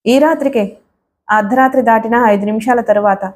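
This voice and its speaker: A woman's voice: fairly high pitch, moderate pace, darkish tone, a little hiss or hum, lightly acted. A woman voicing a teasing mystery woman. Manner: sweet, mocking, commanding.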